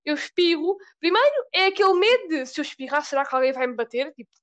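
A teenage girl from Portugal with a European Portuguese accent, chatting casually and telling stories with lively mimicry. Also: high voice, quick pace. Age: teens. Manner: animated storytelling, mimics voices in quotes. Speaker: student. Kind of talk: casual chat.

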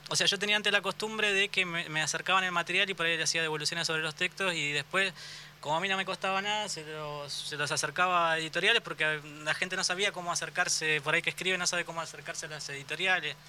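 An Argentine man talks fast and rambles through his explanations, his voice bright and fairly high for a man. He is a book editor who chats casually as a guest. A faint hiss of room ambience sits behind him. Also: steady tone. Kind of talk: casual conversation.

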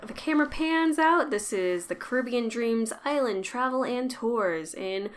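A woman co-hosting a podcast, casually recapping an episode with wry asides and quick quoted lines. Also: a little high, animated, slight background noise. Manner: chatty, wry, quotes characters in quick voices. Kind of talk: casual chat and recap narration.

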